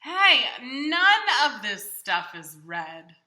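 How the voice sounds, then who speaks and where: A woman's voice: mid-range voice, sing-song, slow pace, bright, forceful tone, heavily acted. A woman voicing a big, friendly, childlike bird from a storybook, earnest, hesitant and easily muddled. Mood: puzzled. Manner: hesitant, earnest, folksy exclamations.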